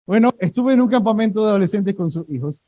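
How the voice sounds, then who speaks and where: A man preaches from the pulpit, his voice pitched fairly high. He tells everyday stories with playful energy and calls on the congregation to echo his words. The sound is close and dry. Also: fast, highs cut off. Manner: lively storytelling, asks congregation to repeat words. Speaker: pastor. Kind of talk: sermon.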